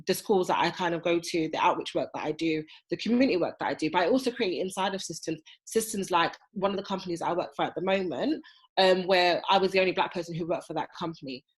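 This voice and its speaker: A woman appearing as a podcast guest, speaking earnestly and weighing her views out loud. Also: lowish voice, fast talker. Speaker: podcast guest, diversity specialist. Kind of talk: conversational podcast interview.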